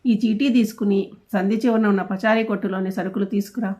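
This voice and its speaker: A woman's voice: mid-range voice, steady tone, a little fast, a little mellow, lo-fi sound, natural voice. A woman voicing a clumsy, fussing middle-aged father who exclaims and grumbles at his son in a storybook. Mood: grumbling.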